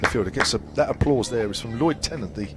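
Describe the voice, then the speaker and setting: A male cricket commentator calls the play delivery by delivery in a mid-pitched, even voice. Clear background noise from aircraft flying overhead sits under him. The sound is of a live outdoor broadcast from a commentary box. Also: fast. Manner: calls play with steady ball-by-ball detail. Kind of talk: ball-by-ball sports commentary. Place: commentary box at a quiet ground.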